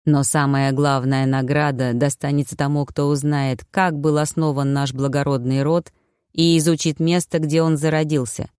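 A woman reading an audiobook, voicing an injured young nobleman, the narrator's brother, in a soft, subdued, tired way. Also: a little high, level tone, moderate pace, clean tone, no room sound, studio quality, voice pushed down, lightly acted. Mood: weary, subdued.

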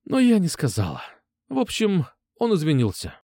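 A man's voice: fairly high pitch, huge pitch swings, moderate pace, mellow, no echo, studio quality, voice pushed up, exaggerated voice. A man reading an audiobook, voicing a caring, chatty middle-aged mother in a raised voice. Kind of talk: audiobook character voice.

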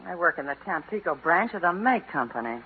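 A woman's voice: on the low side, very animated, a little fast. Breezy wisecracking saloon girl played by a woman, vintage radio. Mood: deadpan. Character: brash, wisecracking American girl in a Mexican saloon. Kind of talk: 1940s radio comedy sketch acting. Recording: noisy narrow-band 1940s radio recording with audience.

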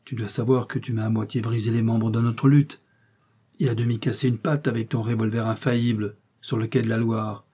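A man voicing a rough, defiant male master criminal with a coarse, jeering way of talking, in an audiobook reading. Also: medium pitch, little pitch movement, brisk, mellow, natural voice. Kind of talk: audiobook character voice.

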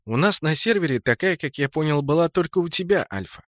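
A man's voice: on the high side, animated, fairly quick, no room sound, pitched above the performer's own voice, lightly acted. Man playing a smug analytical guild deputy, explaining, dry close sound.

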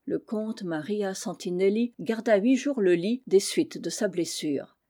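Woman audiobook narrator, warm low-key tone, steady storytelling delivery. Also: a little slow. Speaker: audiobook reader. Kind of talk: scripted narration of a historical tale.

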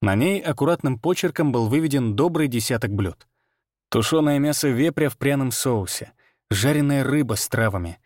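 Steady male audiobook narrator. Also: medium pitch, no echo, studio quality. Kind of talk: first-person scripted narration.

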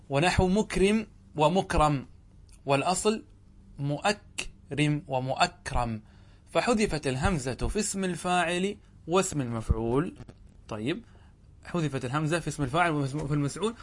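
Acting as a sheikh, a man with a somewhat high voice teaches grammar by working through a classical text. He poses questions to the class and answers them himself, slowly drawing out each example word and repeating it.

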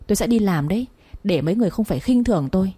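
A woman's voice: medium pitch, lively intonation, mellow, husky, no echo. A woman voicing an idle, defiant young woman snapping back at her family, in a storybook reading. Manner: indignant, quick.

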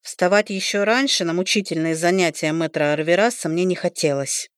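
A woman's voice: lowish voice, brisk, dry recording. Woman narrating an audiobook, dry close sound. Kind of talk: first-person audiobook narration.

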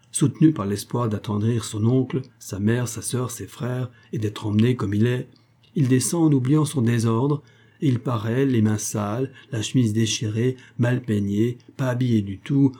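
Give me a husky-voiced man narrating a children's tale, measured and expressive. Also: mid-range voice. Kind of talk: scripted narration of a children's story.

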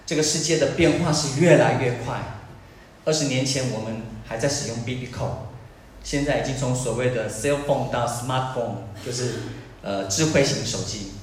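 A male pastor preaching a sermon, earnest and questioning, moving between calm talk and emphatic passages. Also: mid-range voice, moderate pace, slight background noise. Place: church sanctuary. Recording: echoey church hall, distant mic.

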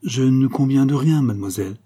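Man doing a smooth, scheming suitor duke in an audiobook; dark, husky tone. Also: medium pitch, fairly quick, pitched above the performer's own voice, close to an everyday voice. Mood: suave. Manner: suave, evasive.

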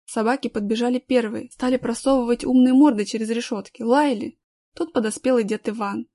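A woman narrating a children's story chapter in a steady, even audiobook reading. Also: a little high, a little fast, dry recording, studio quality.

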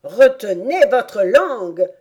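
A woman voicing a bossy male griffin in a storybook reading, loud and scolding. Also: lowish voice, animated, slow pace.

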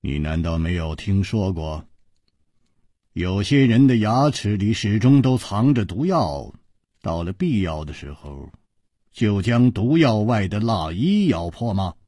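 A man voicing a calm, wry and clever swordsman hero in a dramatized story reading. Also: medium pitch, unhurried, breathy edge, dry recording, studio quality, heavily acted. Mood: grave.

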